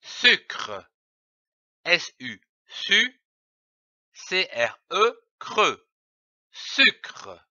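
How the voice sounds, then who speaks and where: A man teaching children to read, in a slow instructional drill, deliberately spelling out each syllable letter by letter. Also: sits high, wildly swooping pitch, bright, forceful tone, no room sound. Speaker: reading teacher. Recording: dull lo-fi dry recording.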